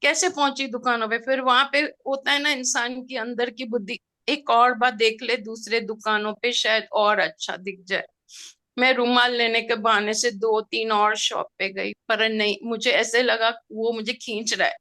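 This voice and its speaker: A middle-aged woman telling an emotional personal story in an expressive, heartfelt way, slipping in English words. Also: fairly high pitch, normal speed. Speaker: participant sharing a personal experience.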